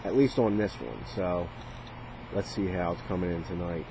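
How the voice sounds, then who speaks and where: Speaking at a normal speed in a low voice, a man shows off a radio for his hobbyist video, hesitant and musing aloud as he goes. Shortwave static and chatter fill the background of this noisy recording.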